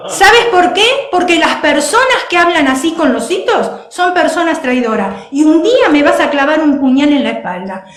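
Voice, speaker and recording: Lively high-voiced woman preaching. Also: normal speed, few pauses, reverberant. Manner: animated, mimics voices, laughs often. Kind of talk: sermon.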